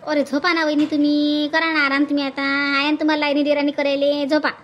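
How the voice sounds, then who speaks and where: A woman's voice: high-pitched, completely flat delivery, fast talker, lo-fi sound, a little hiss or hum, lightly acted. A woman playing a bossy village woman who keeps nagging her sister-in-law in a comedy skit. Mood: coaxing. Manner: insistent, scolding, repeats urgings. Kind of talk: comedy sketch acting.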